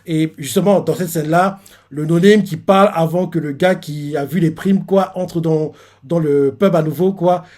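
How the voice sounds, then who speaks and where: A man's voice: fairly high pitch, normal speed, darkish tone. A man hosting a manga reaction channel, retelling scenes in a rambling, casual way. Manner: rambling, full of fillers and restarts.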